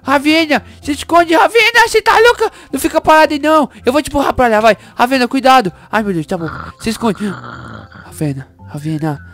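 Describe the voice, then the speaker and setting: A quick, lively, slightly high voice for an excitable baby boy speedster hero, played by a woman, bossy and frantic, jumping into shrieks whenever something goes wrong. Faint background music runs under the Minecraft roleplay. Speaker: channel host.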